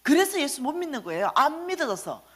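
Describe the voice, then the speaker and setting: High, lively woman preaching a testimony. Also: fairly quick. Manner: questions the audience directly, urging answers. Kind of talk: sermon testimony to a congregation.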